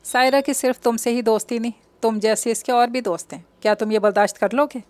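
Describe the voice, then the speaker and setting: A woman voicing a calm, good-natured young man. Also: a little high, fast talker, dry recording, lightly acted. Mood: earnest. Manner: soothing, reasoning.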